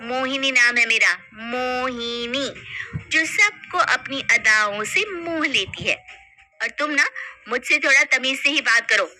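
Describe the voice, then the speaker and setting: महिला द्वारा निभाई गई बदतमीज़, चिल्लाती हुई बहू. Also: female voice, sits high, expressive, measured pace, faint music behind, heavily acted. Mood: defiant. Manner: harsh, taunting, shouting insults. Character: rude bossy young wife, possessed alter ego. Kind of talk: storybook voice acting.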